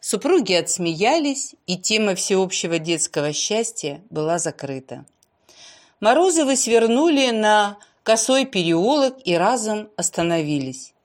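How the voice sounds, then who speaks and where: A woman narrating a fairy-tale story in a gentle, expressive voice that often drops to a hush and stretches words out. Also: lowish voice.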